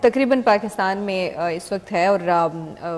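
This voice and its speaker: ایک خاتون میزبان، فون پروگرام چلاتی ہے، بار بار "آ" اور "جی" کہتی ہے۔. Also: female voice, mid-range voice, in a large hall. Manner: friendly, many fillers, affirming interjections. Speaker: host. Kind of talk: hosting a call-in health show.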